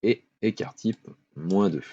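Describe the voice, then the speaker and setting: A man, walking viewers through a spreadsheet in a relaxed screen-recorded tutorial, thinking aloud with fillers and small apologies. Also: on the low side, slow, breathy edge. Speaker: finance tutorial host. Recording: dull lo-fi voice-over with keyboard clicks.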